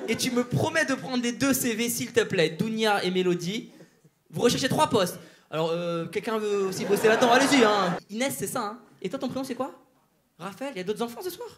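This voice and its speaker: A male stand-up comedian doing crowd work on stage, teasing audience members with quick banter. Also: sits high. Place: theater stage before a live audience. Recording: live show with loud audience laughter and noise.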